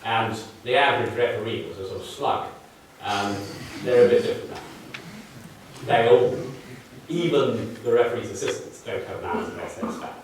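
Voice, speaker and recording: With a fairly low pitch, lively intonation and normal speed, an older man with a Mancunian accent lectures publicly on charts, slipping in dry humor. A little hiss or hum is present, and the very echoey lecture hall makes him sound remote.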